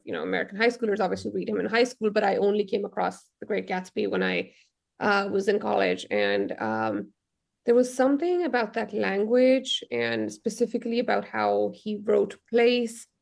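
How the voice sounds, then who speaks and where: A young Pakistani novelist, guesting on a radio show, answers the host's questions thoughtfully in a mid-range voice that often drops into a gravelly fry. She pauses with frequent ums and restarts her sentences as she works out what to say.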